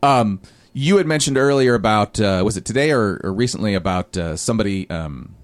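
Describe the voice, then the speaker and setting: A man's voice: on the low side, lively intonation. Guy rambling through a story on a podcast, lots of restarts and um, fishing for words. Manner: halting, restarts, searches for words. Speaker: podcast regular. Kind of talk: casual chat, telling an anecdote.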